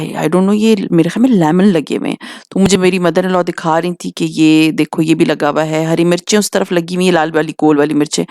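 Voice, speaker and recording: A woman's voice: fairly low pitch, dry recording, clean studio sound. A woman in her thirties from Pakistan, chatting casually through a home vlog and mixing in English phrases. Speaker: vlogger.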